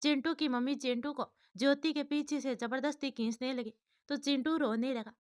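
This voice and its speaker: A woman narrating a family story in a plain, steady storytelling way. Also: sits high, normal speed, no room sound, studio quality.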